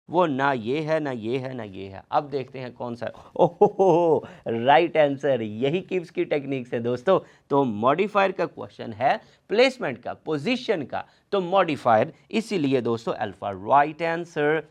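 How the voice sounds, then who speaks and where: A man teaching an exam-prep grammar lecture, often calling his students friends and reading English example sentences out slowly, word by word. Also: a little high.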